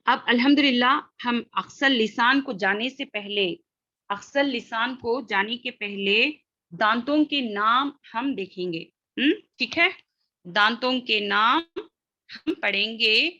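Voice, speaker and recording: A woman's voice: fairly high pitch, pushed and bright, highs cut off. A woman teaching a class on Quran recitation, explaining step by step, demonstrating letter sounds and often checking that her students follow. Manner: explains step by step, checks understanding with repeated "theek hai" and "hm?". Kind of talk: online class lesson.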